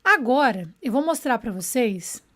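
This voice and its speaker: An English teacher with a high, bright, expressive voice gives a spoken online English lesson. She keeps checking in with her listeners and slows down whenever she models an English phrase.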